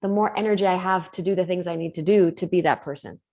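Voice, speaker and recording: A woman with a warm, fairly low voice talks fast on a live video call, picked up by the call's mic. As a coach she thinks aloud earnestly about commitment, restarting often and using fillers.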